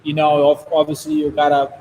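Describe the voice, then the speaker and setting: A man's voice: on the high side, completely flat delivery, brisk, darkish tone, a little hiss or hum, poor audio. A man co-hosting a casual chat, rambling along and often saying "you know". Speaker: co-host.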